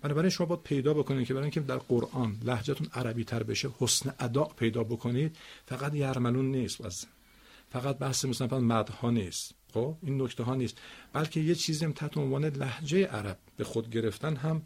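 A man teaching Quran recitation, explaining word stress with spoken examples in a slow, deliberate way. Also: mid-range voice, gravelly, a little mellow, slightly rough.

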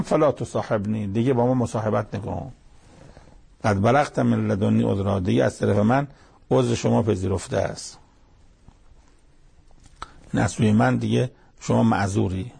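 A man's voice: mid-range voice, vocal fry, a little mellow, husky. A man giving a Quran commentary lesson, explaining verse by verse in a plain, conversational way and retelling stories as dialogue. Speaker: Quran interpreter.

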